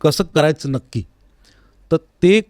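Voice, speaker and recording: A music teacher guesting on an interview talks earnestly in a reflective, conversational way. His voice is fairly high and a little mellow, and he takes his time. The recording studio gives a dry, close sound with no echo.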